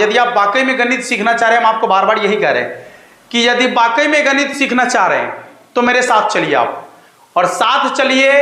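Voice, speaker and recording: A man with a Bihari Hindi accent teaching a math lesson online, coaxing students with drawn-out questions and emphatic promises. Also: very high-pitched, pushed and bright, reverberant, poor audio.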